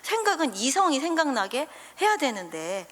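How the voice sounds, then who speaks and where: A woman delivers a sermon in a church sanctuary, sitting a little high in pitch with a lively, swooping delivery. She tells stories and acts out small scenes directly to the congregation. A long reverb from the hall follows her voice. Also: normal speed. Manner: animated storyteller who acts out scenes with the congregation. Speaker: pastor's wife preaching.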